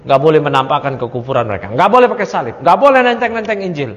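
Male religious teacher, high voice, animated lecturing with rhetorical questions; dull recording in a reverberant hall. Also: very fast. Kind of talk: study-circle lecture on a creed text. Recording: echoey hall, dull lo-fi sound.

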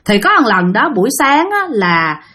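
A woman's voice: fairly high pitch, very animated, normal speed, sharp tone. A woman with a Southern Vietnamese accent telling a ghost story in a chatty way, often addressing her listeners directly. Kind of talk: spoken ghost story narration.

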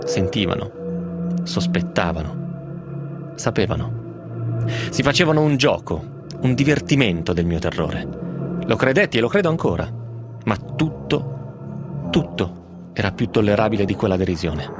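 Male radio host, lively dramatic reading over strong music bed. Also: on the low side. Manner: intense, building, expressive delivery. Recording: music playing under the voice.

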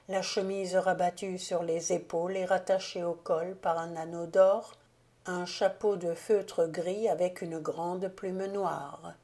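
A woman reading a classic novel aloud in a measured, calm way. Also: lowish voice. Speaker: audiobook reader. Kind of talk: audiobook narration of a classic novel.

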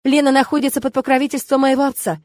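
A woman's voice: high voice, level tone, fast talker, a little mellow, pitched above the performer's own voice, natural voice. Woman voicing a proud, indignant young girl. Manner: indignant, protective.

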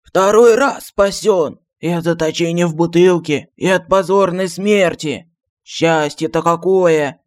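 A man voicing a pompous, excitable old male genie who served as a royal astrologer, grandiose and quick to take offense, in an audiobook. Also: a little high, natural voice. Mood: overjoyed. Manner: grandiose and touchy, flares up fast.

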